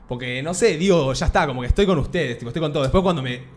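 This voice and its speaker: A young man with a Rioplatense Spanish accent, chatting casually and haltingly as a podcast co-host. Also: a little high. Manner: hesitant, searching for words. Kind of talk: casual chat.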